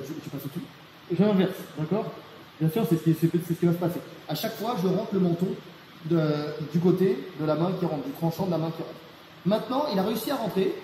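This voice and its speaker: A man's voice: high voice, warm tone. A man teaching a martial arts technique and explaining each step, often checking in with his students. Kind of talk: technique demonstration. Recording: echoey hall with reverb and faint noise.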